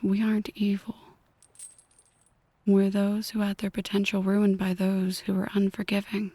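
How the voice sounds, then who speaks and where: This ASMR roleplay features a woman as a brooding, possessive mafia boss, her mid-range, slightly mellow voice reduced to a breathy whisper aimed intimately and deliberately at one listener. The mood is somber and seductive.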